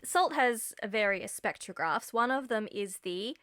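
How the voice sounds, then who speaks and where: A woman co-hosts a science podcast in a relaxed, friendly way, keeping the chat on track. Her voice sits in a middle pitch, recorded close and dry with no room sound. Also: measured pace, no room sound. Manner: friendly, steering the conversation. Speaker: podcast co-host.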